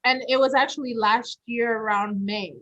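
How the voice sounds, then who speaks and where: A woman's voice: fairly high pitch, steady tone, normal speed, bright, forceful tone, lo-fi sound. A woman raised in a Malawian American household, talking reflectively in a casual podcast chat. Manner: reflective, uses fillers like "you know". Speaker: podcast co-host.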